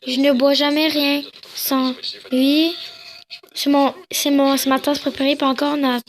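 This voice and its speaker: High-voiced woman playing a game. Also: flat delivery, a little slow, slight background noise. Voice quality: joking, giggly, crude asides. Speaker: gamer. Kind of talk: casual let's play, reading game dialogue aloud.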